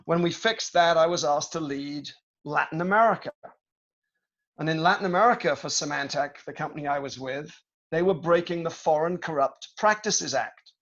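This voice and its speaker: A middle-aged British man giving a storytelling talk to students over a video call, measured and reflective, with frequent hesitations. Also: a little high, a bit bright, dull audio. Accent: British English. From Britain. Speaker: guest speaker, tech executive.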